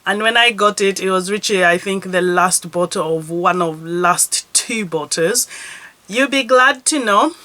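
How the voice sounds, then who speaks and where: A fragrance vlogger talks to camera about her perfume collection in a casual product review, chatty, gushing and enthusiastic. Her mid-range voice is bright and forceful, and she speaks at a moderate pace.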